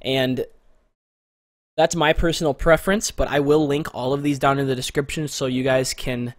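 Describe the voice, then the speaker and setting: A young adult man reviewing gear gives a casual product walkthrough, rambling a bit and repeating words for emphasis. His masculine voice is ordinary in pitch rather than deep, with a steady tone at a moderate pace. He's recorded close on a studio condenser mic with a pop filter in a small bedroom, so the sound is dry and close.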